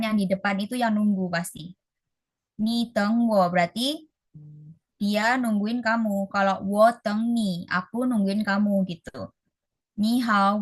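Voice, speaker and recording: A young woman tutoring an online Mandarin class, explaining quickly and saying phrases slowly. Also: medium pitch, dry recording.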